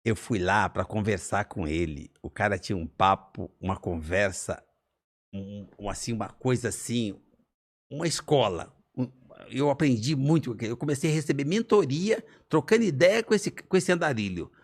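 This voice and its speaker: A man's voice: mid-range voice, moderate pace. A middle-aged man, a business owner telling a personal story in a conversation and acting out the dialogue with animation. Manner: animated, lively storyteller who acts out dialogue. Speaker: business owner, interview guest.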